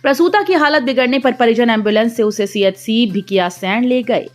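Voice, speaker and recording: A woman reading a scripted regional news bulletin in a steady, formal voice. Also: fairly high pitch, a little fast. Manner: steady formal headline delivery. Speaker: news reader.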